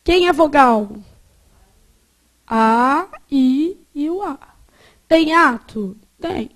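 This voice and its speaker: A Brazilian woman teaching grammar to a classroom, her voice sitting high. She keeps quizzing the students, stopping often to check that they follow before moving on. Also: expressive, very slow. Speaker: Portuguese teacher.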